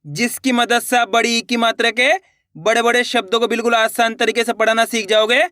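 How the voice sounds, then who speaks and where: A man's voice: very high-pitched, level tone, moderate pace, bright, forceful tone. A man teaching Hindi reading in a classroom-style video lesson, coaxing learners to repeat each sound and promising easy results. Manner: emphatic, promises guaranteed results.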